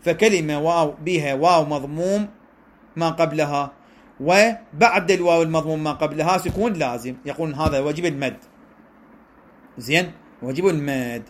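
A man with an Iraqi accent teaching a lesson on the rules of Quran recitation, explaining step by step and often checking in with his listeners. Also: a little high. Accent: Iraqi Arabic. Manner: explanatory, checks in with listeners, draws out examples slowly. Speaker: religious teacher.

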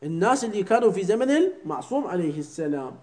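A man teaching a religious jurisprudence lesson, often stopping to ask his students whether it is clear and to quiz them. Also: sits high, very animated, racing, darkish tone, low-quality recording. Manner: keeps asking students "clear?" and quizzing them.

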